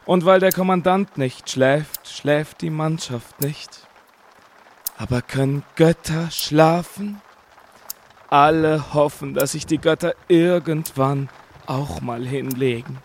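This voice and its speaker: An actor playing a weary, wry surgical assistant who muses dryly and unhurriedly in an audio drama. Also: male voice, fairly high pitch, slow. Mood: musing.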